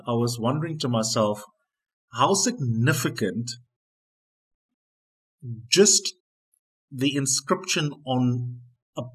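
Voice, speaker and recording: A South African man with a husky, slightly rough voice works as a broadcast interviewer. A native Afrikaans speaker, he phrases his questions deliberately and articulately, in a measured way. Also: medium pitch, poor audio.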